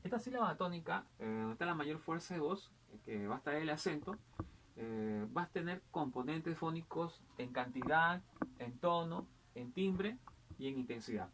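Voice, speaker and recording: A male teacher explaining a grammar lesson to a student, his voice a little higher than most men's. He talks patiently and checks in constantly with "¿correcto?". A faint hiss of noise sits under the recording. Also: lively intonation, moderate pace, fairly bright tone. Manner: keeps asking "¿correcto?" and "¿no?", many "eh" and "este" fillers.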